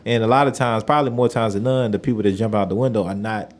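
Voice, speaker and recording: Low-voiced, reflective male interviewer. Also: fairly even intonation, quick pace. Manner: reflective, colloquial, repeating phrases, frequently affirming. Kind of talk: conversational interview.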